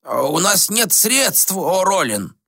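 A meek old ascetic, as a man puts him on in a storybook reading, mumbling in a raised, fussy voice. He speaks formally and hesitantly, often slowing down. Dry and close. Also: high voice, very animated, gravelly, a bit bright, no room sound, pitched above the performer's own voice, exaggerated voice. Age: older.

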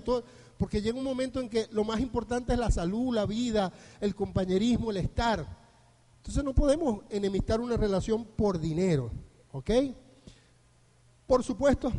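Male couples therapist, high but mellow voice, jokey conference speaker, hall reverb. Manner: humorous, anecdotal, acts out dialogues. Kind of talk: live conference talk.

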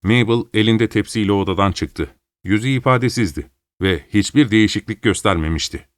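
A man's voice: a little fast, no room sound, studio quality. A man reading a novel aloud as narrator, lifting his voice for the dialogue. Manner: raises pitch for dialogue, steady narration between. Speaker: audiobook narrator. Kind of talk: scripted narration of a novel, voicing all characters.

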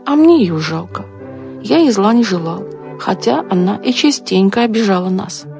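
A woman voicing an eager male hare in a storybook tale, announcing loudly to the animals and later speaking softly with pity. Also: mid-range voice, lively intonation, moderate pace, gravelly, over music. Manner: loud announcing, later soft and pitying.

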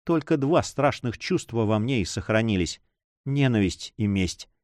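A man's voice: fairly low pitch, lively intonation, moderate pace, darkish tone, no room sound, lightly acted. A man voicing a furious young captain sworn to revenge. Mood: anguished pleading. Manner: vehement, impassioned outbursts. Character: young male captain, proud and vengeful.

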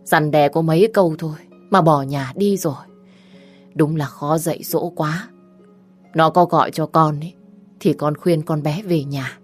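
A fretful middle-aged country mother, as a woman storyteller puts her on, scolding and anxious on a phone call. The voice sits low and a little raised in force, with soft music far behind. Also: unhurried. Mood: worried.

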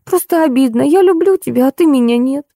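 Женщина изображает обиженную капризную молодую жену. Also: female voice, sits high, animated, brisk, mellow, dry recording, studio quality, pitched above the performer's own voice. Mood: plaintive. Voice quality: plaintive, moaning.

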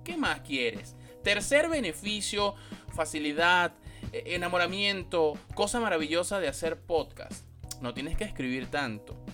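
Man, Venezuelan accent, blunt, swears a lot, swooping pitch, faint background music. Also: sing-song, measured pace, pushed and bright. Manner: blunt, emphatic, swears freely. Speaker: podcaster giving tips. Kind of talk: casual profane monologue.

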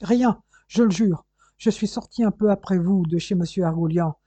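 A dazed, sour male captive in an audiobook, as a reader puts him on. He stammers through his answers in a pitched-up voice with a very dark tone, and the recording sounds dull and dry. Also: normal speed, no room sound, natural voice.

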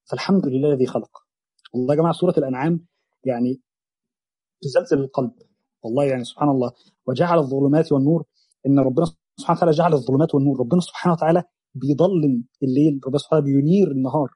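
A young man with an Egyptian Arabic accent giving a religious lesson on a chapter of the Quran, explaining quickly in colloquial speech and weaving in quoted verses. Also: mid-range voice, mellow, breathy edge, no echo. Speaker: Quran teacher.

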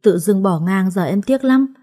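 A woman storyteller reading a first-person family story in a soft, measured way. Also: mid-range voice, expressive. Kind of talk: scripted first-person narration.

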